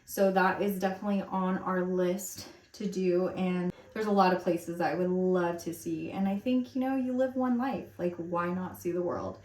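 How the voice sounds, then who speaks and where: Lowish-voiced woman chatting away at home while getting ready, lots of "like", echoey room, mic kinda far. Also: fairly even intonation, moderate pace, few pauses, darkish tone. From Romania, raised in America. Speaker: lifestyle vlogger. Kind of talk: casual get-ready-with-me chat. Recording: roomy echo, mic at a distance.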